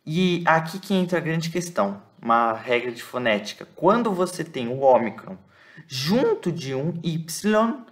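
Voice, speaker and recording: A man's voice: a little high, big pitch swings, fairly bright tone. Patient man teaching Greek. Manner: patient, repeats words slowly, frequent "tá?" checks. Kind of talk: explanatory lesson.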